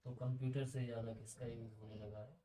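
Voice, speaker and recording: A man's voice: mid-range voice, little pitch movement, quick pace, warm tone, echoey room, far from the mic, a little hiss or hum, poor audio. A man teaching a computer lesson in a casual, chatty way, asking his students questions and drifting into side stories.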